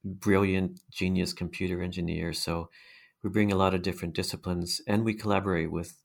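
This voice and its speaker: A man's voice: low voice, flat delivery, fairly quick, gravelly. A middle-aged man with a hypnotic, mesmerizing voice, answering interview questions conversationally as a guest researcher.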